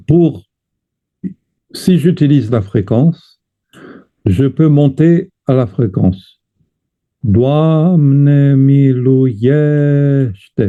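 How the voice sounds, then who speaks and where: A man teaches a chant lesson at a very slow, deliberate pace, pausing to sing short chant phrases. His pitch sits in a middle range. The recording is thin and tinny, like a phone line. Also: husky. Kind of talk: teaching lesson with sung examples.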